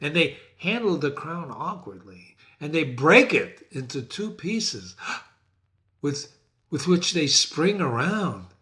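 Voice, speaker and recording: A man's voice: fairly high pitch, very animated, takes it slowly, bright, forceful tone. A man reading a stage play aloud and adding casual asides to the listener. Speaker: reader.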